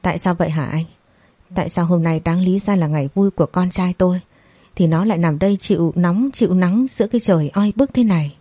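A woman plays an older father shattered by loss, his lament coming in wailing questions. The voice sits low and soft, dry and close. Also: brisk, no room sound, lightly acted. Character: devastated older father mourning his son.

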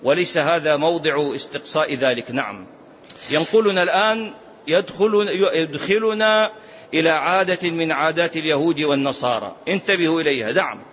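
A man's voice: a little high, fairly quick, a bit bright. A man, a sheikh, giving a religious lesson with impassioned emphasis. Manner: impassioned, rising to emphatic peaks on lists. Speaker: sheikh teaching a text. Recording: dull lo-fi lecture recording with faint noise.

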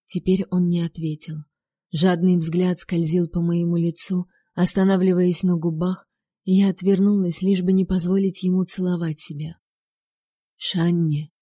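A woman reading a first-person story aloud in steady, emotive narration. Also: lowish voice, normal speed, dry recording, clean studio sound. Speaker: audiobook narrator.

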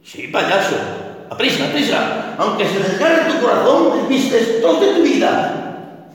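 A man's voice: very high voice, very animated, unhurried, pitched above the performer's own voice, heavily acted. A man doing a stern, pushy circus boss. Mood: urging. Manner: commanding, urging. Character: stern circus ringmaster, harsh and pressing. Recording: roomy hall echo, distant mic.

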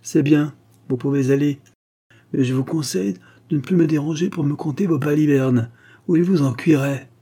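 Man reading as a grumpy sceptical official, ironic and snappy, gravelly dark voice. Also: medium pitch, lively intonation, normal speed. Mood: irritated. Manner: ironic, irritated. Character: stern, sceptical older male prefecture official.

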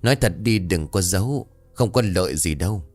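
A man's voice: low-pitched, animated, normal speed, a little mellow, no echo, faint music behind. A man playing a stern, suspicious questioner.

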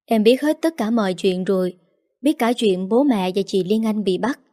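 A woman's voice: medium pitch, moderate pace, dark tone, lightly acted. A woman voicing an injured young man who earnestly soothes and reassures his older sister. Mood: firm.

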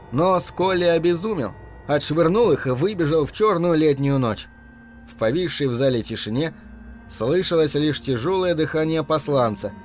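A man's voice: on the high side, a little mellow. A man narrating an audiobook in the first person, telling the story with dramatic shifts for the characters.

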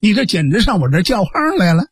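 Storyteller doing a tough young girl who scolds her dumb brother, kinda husky. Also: medium pitch, very animated, very fast, no echo. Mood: scolding. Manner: sharp, scolding. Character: feisty young woman martial artist, scolding.

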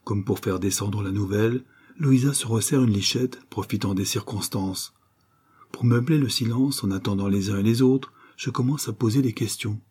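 Brief: male audiobook narrator, measured, dark and mellow. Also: on the low side, breathy edge. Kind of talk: scripted audiobook narration, first-person.

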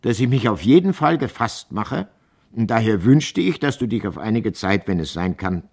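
A man's voice: on the low side, big pitch swings, moderate pace, vocal fry, breathy edge, heavily acted. A man reading the part of a determined horse dealer who speaks to his wife firmly but tenderly in a storybook reading. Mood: calm. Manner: firm, earnest, gently persuasive.

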